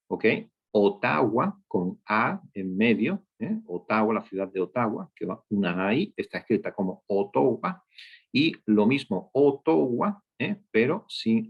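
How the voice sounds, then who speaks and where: A husky voice on the low side belongs to a male data instructor teaching coding over screen share. He explains each step and checks in after nearly every point with "¿eh?" or "¿ok?". The sound quality is dull and lo-fi.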